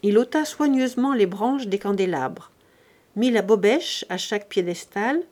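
A woman narrates a classic novel as an audiobook. Her reading is steady and measured. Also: medium pitch. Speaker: audiobook reader.

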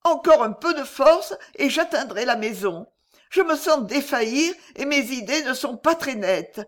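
A woman's voice: expressive, a little slow. A woman putting on a desperate young girl's voice. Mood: despairing. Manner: high, breathless, pleading delivery. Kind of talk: audiobook character reading.

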